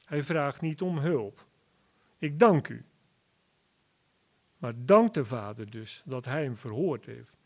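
A man preaching a sermon, explaining Bible verses deliberately and rising to emphatic calls at key words. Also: a little high, a little mellow. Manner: slow, deliberate Bible exposition with emphatic rises.

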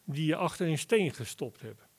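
A man preaching a sermon, explaining Bible verses deliberately and rising to emphatic calls at key words. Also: fairly high pitch, animated, breathy edge. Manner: slow, deliberate Bible exposition with emphatic rises.

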